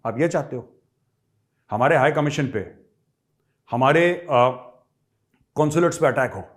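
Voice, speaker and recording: A man's voice: mid-range voice, expressive, measured pace. A man giving fiery, taunting political commentary straight to his viewers, addressing them as friends.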